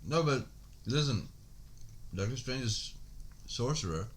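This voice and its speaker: A man co-hosting a podcast in casual, off-the-cuff chat. He is blunt, cracks crude jokes and answers in short, flat remarks. His voice is an average male pitch. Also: a little slow, slight background noise. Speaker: podcast co-host.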